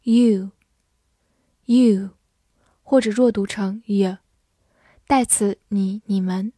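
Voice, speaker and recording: A woman teaching English vocabulary in a lesson, spelling words letter by letter and reading example sentences slowly. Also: medium pitch, steady tone, dark tone, no room sound, studio quality. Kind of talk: slow, clear vocabulary lesson.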